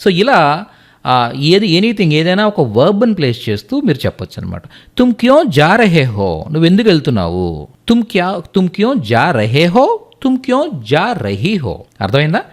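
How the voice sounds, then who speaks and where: Man, language teacher, animated voice, higher pitch, repeats phrases, checks understanding. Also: normal speed. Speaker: Hindi teacher. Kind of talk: spoken language lesson. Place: teaching at a writing board.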